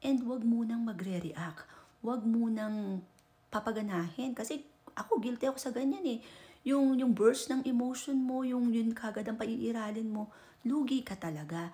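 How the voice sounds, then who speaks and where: This relationship-advice vlogger from the Philippines speaks at a moderate pace in a high-ish voice with a dark tone. With a Filipino accent, she chats casually, blends Tagalog and English, and tags sentences with "no?" and "di ba?".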